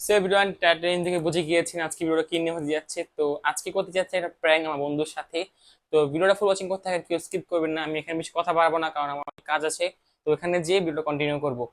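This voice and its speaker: A man's voice: a little high, steady tone. A young man hosting a prank vlog, chatting casually and slipping English phrases into his speech. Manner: rapid, mixes English phrases into Bengali. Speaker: vlogger host.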